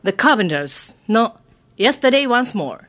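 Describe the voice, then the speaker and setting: A woman's voice: a little high, moderate pace. Woman playing a polite AI voice assistant. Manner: polite, even announcer-like phrasing. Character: female AI voice assistant, polite and evasive.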